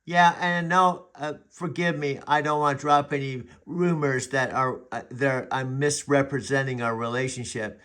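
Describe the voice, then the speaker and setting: A man in his seventies hosts a vlog, chatting casually and rambling, halting often to restart his sentences. His mid-range voice is steady in tone and fairly bright.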